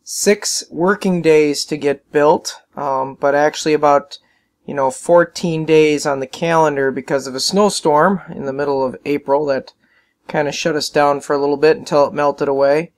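A man casually narrating a video about his farm, plainspoken and relaxed, with frequent fillers. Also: on the high side, normal speed.

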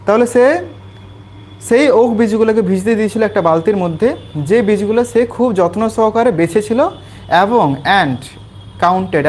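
A man from West Bengal with a high-sitting, slightly mellow voice tutors school students in English. In a small class with slight background noise, he explains a textbook passage step by step, patient and repetitive, pausing often for quick comprehension questions.

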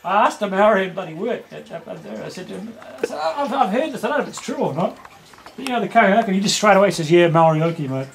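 A man chats and jokes crudely with a mate indoors. His delivery is lively and slangy, caught on a handheld camera with faint noise behind it. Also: high-pitched, fast, vocal fry. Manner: crude, matey joking with slang. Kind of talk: casual joking chat. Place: indoors in a cluttered home dining room. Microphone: handheld camera microphone.

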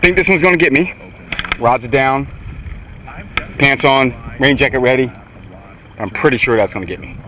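A man in his forties talking casually to his camera outdoors on a beach by open water, telling his day in a halting, rambling way with many restarts. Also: mid-range voice, bright, forceful tone. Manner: rambling, halting, with frequent restarts and small laughs. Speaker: kayak travel vlogger. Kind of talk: casual outdoor video diary. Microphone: handheld camera or lapel, close framing.

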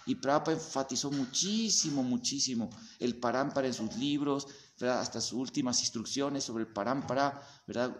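Animated Mexican man telling a temple story. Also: mid-range voice, slight background noise. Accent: Mexican Spanish. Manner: animated storyteller, acts out voices and sounds, often asks "¿verdad?". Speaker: spiritual teacher. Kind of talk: storytelling talk to devotees.

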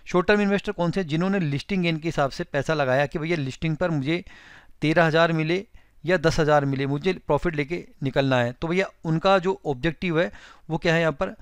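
A man's voice: on the high side, quick pace, clear, resonant tone, no echo. A man with an Indian accent hosting a finance tutorial, explaining step by step in a conversational way and addressing viewers as friends. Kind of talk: screen-recorded explainer with annotations.

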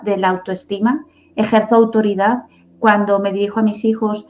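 A woman's voice: medium pitch, darkish tone, a little hiss or hum. A woman from Spain working as a family counselor, answering interview questions in a reflective way, with many "eh" fillers and "¿no?" tags. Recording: slightly dull lo-fi audio.

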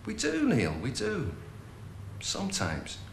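A man's voice: high-pitched, wildly swooping pitch, takes it slowly, creaky, exaggerated voice. An actor with a British accent playing a breezy, unreliable father in his thirties, slangy and chummy, in a television drama. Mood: matey, coaxing. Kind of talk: naturalistic television drama acting. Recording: echoey room, faint noise.

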